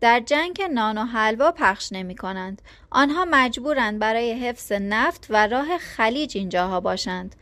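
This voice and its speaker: A woman's voice: fairly high pitch, animated, fairly bright tone. A woman reading a hot-tempered young chief. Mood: placating. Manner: indignant, defensive.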